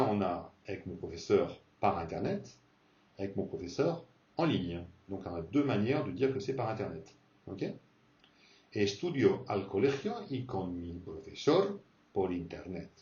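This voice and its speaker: A man teaching a beginner Spanish lesson, repeating words slowly to model pronunciation. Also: lowish voice, mellow, roomy sound, recorded from a distance, muffled recording.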